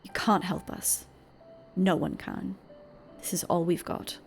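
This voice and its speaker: A woman's voice: on the low side, fairly even intonation, slow, gravelly, faint music behind. A woman voicing a protective teenage boy from a video game, bitter and weary, with a grave, pleading delivery. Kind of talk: reading video game dialogue.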